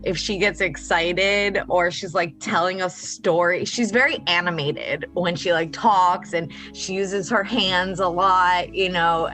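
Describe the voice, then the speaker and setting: A woman interviewed as a close friend, telling animated anecdotes in casual talk. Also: fairly low pitch, measured pace, hardly any pauses, faint music behind.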